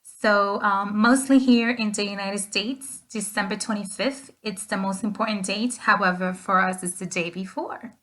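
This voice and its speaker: Woman from the Dominican Republic, mid-pitched, reads a prepared class talk with a few fillers. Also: fairly even intonation, normal speed, a bit bright. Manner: reads from a script with short fillers. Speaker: student presenter.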